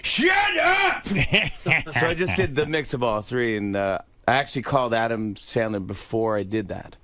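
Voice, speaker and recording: A man chatting as a guest on a talk show, telling stories animatedly and breaking into loud impressions and laughter. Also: on the low side, brisk, a crowd in the background. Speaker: guest comedian. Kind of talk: casual talk-show chat.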